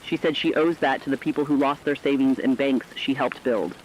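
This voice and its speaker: A man reads a scripted, documentary-style report plainly as a sober radio correspondent conveying survivor testimony. His mid-range voice is brisk and close to everyday. The sound is dull lo-fi radio with faint noise.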